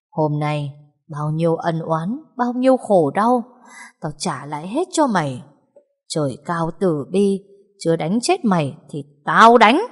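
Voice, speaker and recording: Woman voicing a cruel female ghost, slow cold taunts, low voice, horror audiobook. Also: long reverb tail.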